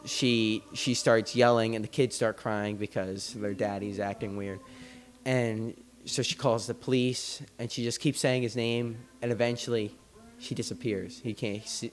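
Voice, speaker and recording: A man hosting a podcast, telling a story in a loose, casual way full of "like" and restarts. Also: on the low side. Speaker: podcast host.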